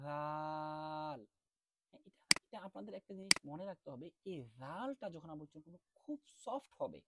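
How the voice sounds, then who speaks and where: A man teaching an online class with a lively, rising and falling voice. He stretches each letter sound out slowly and often asks a question, then answers it himself. The sound is dry and close, with no room echo. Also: fairly high pitch. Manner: explains step by step, drawing out letter sounds slowly. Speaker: Quran recitation teacher.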